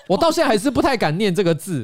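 Fast, lively podcast host. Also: male voice, high-pitched, no room sound. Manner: playful, chatty, tags sentences with "哈". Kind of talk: casual podcast chat with a read sponsor ad.

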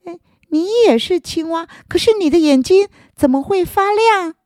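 A woman voicing a timid, curious young male frog with a high, wavering voice. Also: normal speed, darkish tone, no echo, clean studio sound. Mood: timid eager.

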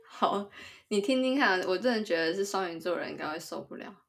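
A woman's voice: mid-range voice, normal speed, gravelly. A woman co-hosting a podcast, telling stories in casual chat with lots of giggling. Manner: giggly, animated storyteller. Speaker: podcast co-host.

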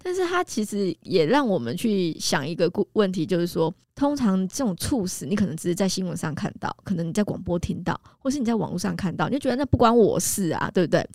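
Chatty woman with lively pitch. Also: dry recording, clean studio sound. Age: 40s. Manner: conversational, many drawn-out sentence particles. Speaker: nutritionist host. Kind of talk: chatty health talk with personal stories.

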